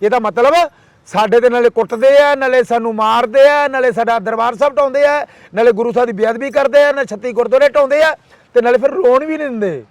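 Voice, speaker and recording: In a dry recording, a man with a very high-pitched voice gives an impassioned interview. He's fiery and rhetorical, firing off questions and rattling through his demands in rapid, repeated lists.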